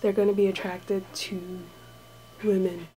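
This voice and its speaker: An American woman who teaches English abroad records a casual personal vlog in a small room with thin walls. She speaks softly and a little slowly in a level, mellow tone, sometimes drifting into whispers, over a low hum on a rough recording.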